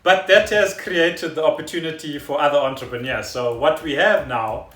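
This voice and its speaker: A South African podcast co-host with a fairly high, fairly bright voice talks at a moderate pace. He explains news in casual, wry conversation, recorded in a roomy, echoey home setting.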